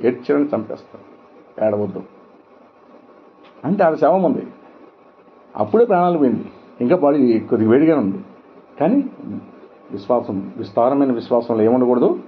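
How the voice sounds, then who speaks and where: A man's voice: mid-range voice, big pitch swings, a little fast, long pauses. A middle-aged male pastor preaching a sermon with emphatic rhetorical questions. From India. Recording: dull lo-fi sound with faint noise.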